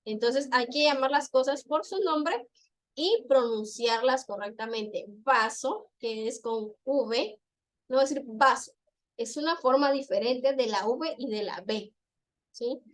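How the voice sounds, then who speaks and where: A woman gives a classroom lecture. Her voice sits high, and she explains patiently, saying each example slowly and more than once. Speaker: teacher.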